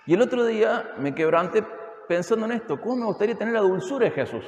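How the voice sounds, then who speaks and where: A man's voice: sits high, expressive, fast talker, darkish tone, highs cut off, slight background noise. A man preaching an expository sermon with an Argentine accent from Córdoba, pressing the congregation with emphatic rhetorical questions. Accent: Argentine Spanish (Córdoba). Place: church hall. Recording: echoey hall with long reverb.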